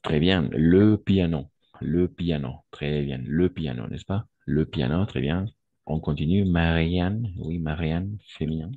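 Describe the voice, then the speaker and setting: A man's voice: rumbling low, measured pace, husky, dry recording, narrow, tinny audio. A man teaching French in an online lesson, patiently repeating words and correcting pronunciation.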